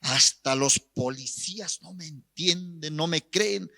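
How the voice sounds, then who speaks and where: A man's voice: on the high side, takes it slowly, gravelly, sharp tone, no room sound, clean studio sound, exaggerated voice. A man doing a whiny drunk young man. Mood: threatening.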